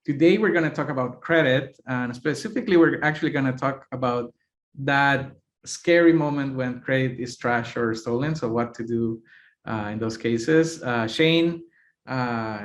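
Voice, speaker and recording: A man's voice: mid-range voice, normal speed. A man from Honduras hosting a podcast interview, speaking casually with many hesitations and fillers. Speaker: podcast host.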